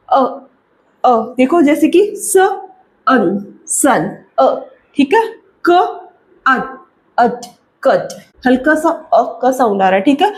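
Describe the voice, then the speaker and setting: A woman teaching phonics for young children to parents, modelling vowel sounds slowly and repeating each question and answer with frequent check-ins. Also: high voice, darkish tone. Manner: stretches sounds slowly when modelling them. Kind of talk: instructional lesson for parents.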